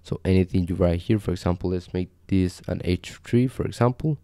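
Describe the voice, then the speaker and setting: A young man from Costa Rica hosting a casual screen-share coding tutorial, talking in a relaxed, conversational way with frequent fillers. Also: low voice, a little fast, no room sound, clean studio sound. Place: small home desk setup indoors.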